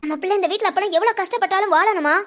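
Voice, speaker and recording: A worried cartoon mother who keeps pleading with her harsh husband, voiced by a woman. Her voice sits very high and runs quickly, with a placating, anxious tone. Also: noisy background. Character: pleading, anxious wife and mother, middle-aged. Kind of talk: cartoon family drama voice acting.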